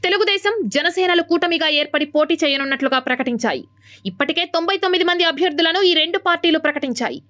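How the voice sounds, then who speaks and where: A woman reading scripted news as anchor in a brisk, even delivery. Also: sits high, dull audio.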